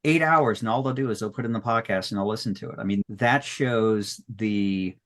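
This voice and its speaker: A podcast creator looks back in a heartfelt, unscripted retrospective, speaking earnestly and sentimentally. His voice is lowish and moderately paced, and he often repeats phrases for emphasis.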